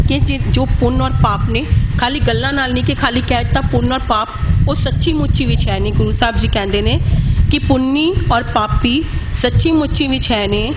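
A woman teaching how to recite scripture, chanting each verse very slowly and then explaining it in plain, steady speech. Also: fairly high pitch, noisy background. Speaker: Gurbani teacher. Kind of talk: scripture pronunciation lesson.

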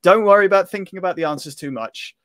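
A man hosting an interview show, asking set questions in a measured way. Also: sits high, a bit bright.

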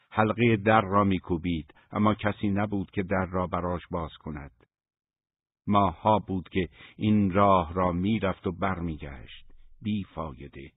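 Low husky male audiobook narrator. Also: no echo. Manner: measured, even storytelling. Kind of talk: scripted narration. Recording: thin phone-like dry recording.

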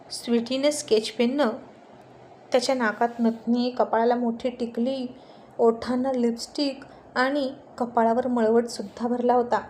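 A woman's voice: fairly high pitch, darkish tone, a little hiss or hum. A woman narrating a family story expressively, as a storyteller.

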